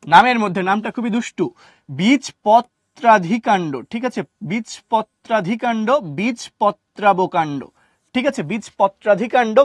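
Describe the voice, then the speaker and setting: A man teaching a live online biology class, repeating key terms slowly and quizzing his listeners. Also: high voice, no room sound.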